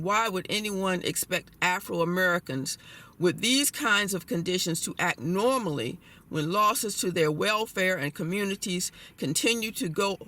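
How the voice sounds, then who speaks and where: A man reading a scripted personal commentary aloud in a deliberate, formal manner. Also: high-pitched, sharp tone. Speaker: commentator giving a personal perspective. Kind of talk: scripted spoken essay, read aloud.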